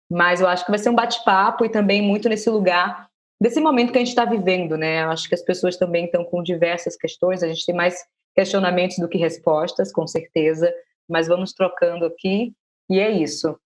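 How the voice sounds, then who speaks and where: A woman in her twenties from Salvador, Brazil, hosting a podcast interview with enthusiasm and thinking aloud as she asks questions. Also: fairly low pitch. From Salvador, Bahia, Brazil. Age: 20s. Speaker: podcast host.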